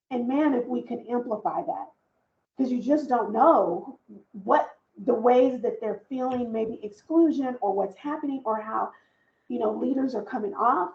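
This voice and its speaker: A woman talks on a panel in an earnest, emphatic way, circling back to press her points. Her voice sits a little high and has a gravelly edge. It comes through a video call that sounds roomy and dull. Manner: earnest, emphatic storytelling with repeated phrases. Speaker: panelist, diversity and inclusion leader. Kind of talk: conversational panel discussion.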